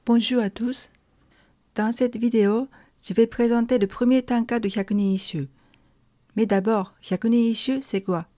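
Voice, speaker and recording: A woman teaching a lesson, explaining calmly and carefully step by step. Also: a little high, normal speed. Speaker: language teacher. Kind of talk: slow explanatory lesson narration.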